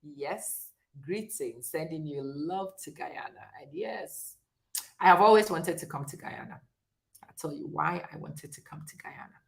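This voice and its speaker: A middle-aged woman from Ghana hosts a relaxed live stream and talks straight to her viewers. Her voice sits low, and she speaks slowly and chattily, often breaking into laughter. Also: vocal fry. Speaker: host.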